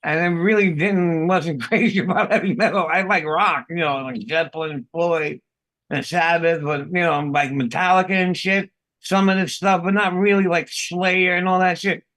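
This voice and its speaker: A man's voice: high-pitched, fairly even intonation, moderate pace, a bit bright, no room sound. A middle-aged man from the Bronx, a podcast host swearing and laughing through casual stories. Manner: profane, laughing storyteller. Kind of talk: casual chat.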